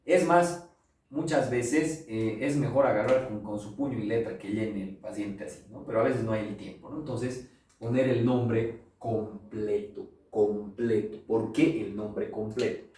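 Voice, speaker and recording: A middle-aged man with a Bolivian Spanish accent lectures on pathology, telling a story and playing the people in it. His voice sits low. The sound is very echoey and comes from some distance off the mic. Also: normal speed. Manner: animated storyteller, acts out quoted voices. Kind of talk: classroom lecture with anecdotes. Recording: roomy echo, voice from far off.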